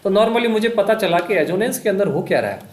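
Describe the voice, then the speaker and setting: Guy teaching english grammar in hindi, kinda high voice, roomy echo, spells out examples slow. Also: animated. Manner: explains in Hindi, reads English examples slowly; asks and answers his own questions. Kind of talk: exam-prep lesson.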